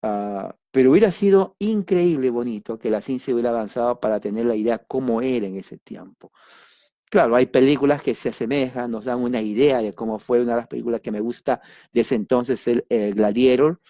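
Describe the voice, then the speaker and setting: A man leads an informal Bible study in a relaxed, conversational way, often turning to his listeners to check they follow. His voice is warm and mellow at a middle pitch. The sound is dry, with no room around it. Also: normal speed, no echo. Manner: conversational, addresses listeners directly with frequent "ok"; emphatic asides and sudden exclamations. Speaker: Bible teacher.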